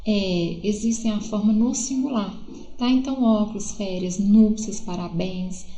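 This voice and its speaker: A woman's voice: medium pitch, measured pace, mellow, roomy sound, low-quality recording. A Brazilian woman teacher with a Brazilian Portuguese accent, explaining grammar step by step and checking in with her students often. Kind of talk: recorded grammar lesson.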